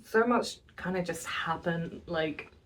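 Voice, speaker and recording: 19 y/o girl vlogging, chatty and self-deprecating, lowish voice, mic a bit far off. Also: takes it slowly, a little hiss or hum. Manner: chatty, self-mocking, laughs often. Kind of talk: casual vlog chat.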